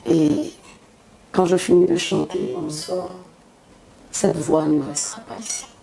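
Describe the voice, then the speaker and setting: Woman in her thirties, gravelly and unhurried, solemn gospel-singer testimony, roomy room with chatter behind. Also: on the low side, very animated. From Côte d'Ivoire. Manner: slow, solemn, devotional phrasing. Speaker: gospel singer, interview guest. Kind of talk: earnest testimony in an interview. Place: her home in France.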